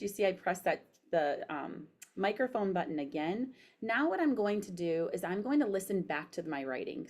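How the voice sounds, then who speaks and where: A woman's voice: lowish voice, a little mellow. A woman giving an instructional demo, dictating sentences aloud in the manner of someone speaking for voice typing.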